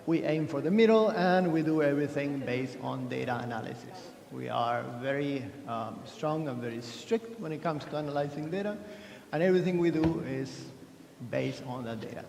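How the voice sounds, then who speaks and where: The Argentine man's voice is on the high side, with vocal fry and a moderate pace, while a crowd murmurs in the background. His keynote is chatty and self-mocking, with frequent restarts, captured in a large hall full of long, echoing reverb.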